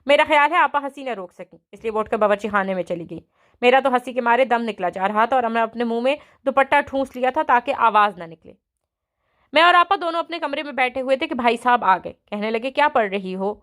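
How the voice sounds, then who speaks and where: A woman narrates a novel aloud in a steady storytelling manner. Her voice sits somewhat high.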